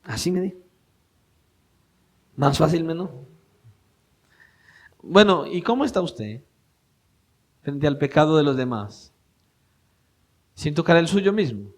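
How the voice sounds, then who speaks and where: A man, a pastor, preaching a sermon in church, swinging between raised emphatic passages and quiet intimate asides, with rhetorical questions put to the congregation. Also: a little high, very animated, slow, long pauses.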